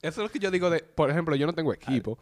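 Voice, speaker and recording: A man's voice: on the high side, expressive, rapid-fire. A man with a Dominican accent giving slangy, opinionated takes in a casual chat about sports.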